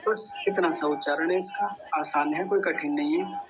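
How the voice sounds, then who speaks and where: A man teaching Sanskrit verse pronunciation in an online class, repeating each word slowly syllable by syllable for his students to echo. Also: on the high side, steady tone. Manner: slow, syllable-by-syllable drilling of words.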